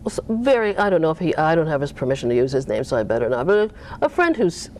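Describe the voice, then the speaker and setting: A woman author being interviewed, talking casually with animated pitch that jumps up when she makes a point. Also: fast, a little hiss or hum. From Cape Cod, US.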